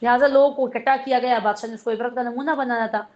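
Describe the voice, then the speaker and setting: Higher-voiced woman teaching a religious lesson, lo-fi. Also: fairly even intonation, a little mellow. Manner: storytelling, explains terms as she goes. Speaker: Quran teacher. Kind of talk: religious lesson explaining a surah. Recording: dull lo-fi recording.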